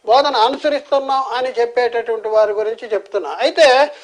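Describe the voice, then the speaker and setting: A man's voice: very high voice, fairly quick, low-quality recording. A Telugu-accented man from India gives an earnest sermon, asking many rhetorical questions and often restarting his words. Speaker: preacher.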